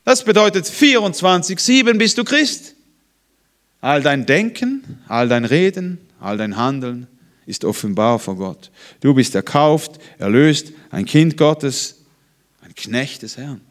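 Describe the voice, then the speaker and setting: A man's voice: sing-song, a little slow. Man preaching with dramatic swings. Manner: preaching with big swings from loud emphasis to hushed low tones. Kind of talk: sermon.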